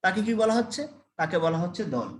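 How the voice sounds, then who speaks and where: A man lecturing a college class, explaining slowly, repeating key terms and putting questions to his students. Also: high voice, very animated, roomy sound.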